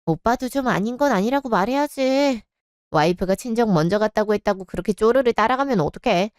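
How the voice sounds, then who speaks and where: A woman's voice: a little high, animated, fairly quick, clean tone, no echo, clean studio sound, close to an everyday voice. A woman voicing a bratty, self-righteous young sister-in-law in a radio drama, snippy and lecturing.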